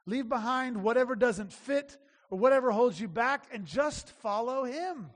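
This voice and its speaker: Male preacher, very high voice, chatty emphatic sermon, long echoing hall. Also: lively intonation, unhurried. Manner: conversational preaching, emphatic repetition. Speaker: pastor.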